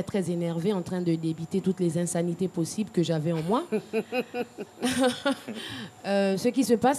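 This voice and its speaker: A woman's voice: lowish voice, mellow, a little hiss or hum. A woman from Cameroon and Gabon, speaking frankly as a guest in a TV studio interview. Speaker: guest singer.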